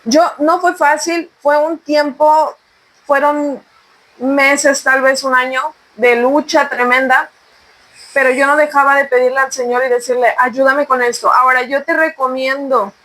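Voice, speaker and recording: High-pitched woman, earnest testimony-style talk, exhorts the listener. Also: flat delivery, measured pace, fairly bright tone, rough recording. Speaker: podcast co-host sharing testimony. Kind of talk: conversational faith testimony.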